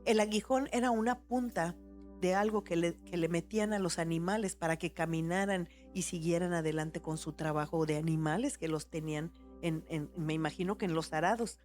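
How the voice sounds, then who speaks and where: A woman pastor preaching a sermon, animated and personal, with rising emphasis. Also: lowish voice, fairly quick, faint music behind.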